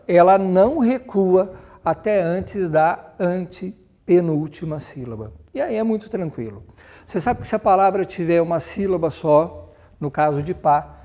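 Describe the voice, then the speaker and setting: A man with a Brazilian Portuguese accent and a mellow voice on the high side teaches a grammar lesson. He explains step by step, offers examples, and spells words out.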